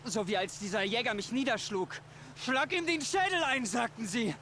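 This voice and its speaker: An actor voicing a tormented man haunted by voices, speaking in a frantic, halting, desperate way in a video game. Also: extremely high pitch, lively intonation, pushed and bright, a little hiss or hum, exaggerated voice.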